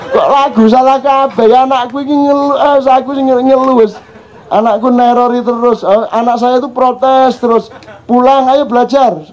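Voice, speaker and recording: An older man with a Javanese accent talks to a live audience, his voice pitched fairly high yet mellow. He jokes and mimics his children in a loose storytelling way. The recording is dull and lo-fi, with faint ambience behind him. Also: steady tone, moderate pace. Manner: joking storyteller mixing in local speech, acting out his child's complaints. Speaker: speaker at a community forum. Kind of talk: casual talk to an audience. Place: outdoor cultural venue before a crowd.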